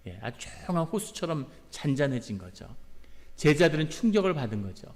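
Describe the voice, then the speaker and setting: A man preaching a sermon as a pastor, earnest, acting out quoted prayers and rebukes. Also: fairly high pitch. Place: church sanctuary. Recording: long church reverb.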